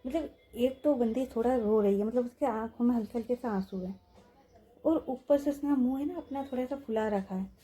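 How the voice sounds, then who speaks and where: Husky, mellow young woman storyteller. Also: a little high, normal speed. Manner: chatty, talks to listeners with asides. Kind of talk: casual story narration.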